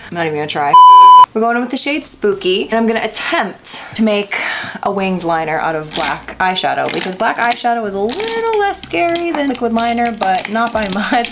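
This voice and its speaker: A woman's voice: mid-range voice, very noisy. A woman in her twenties doing a casual, chatty makeup tutorial, giggly and tipsy, rambling with swearing and self-deprecation. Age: 20s. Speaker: makeup vlogger. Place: home bedroom, indoors. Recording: music playing behind the voice. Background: background music.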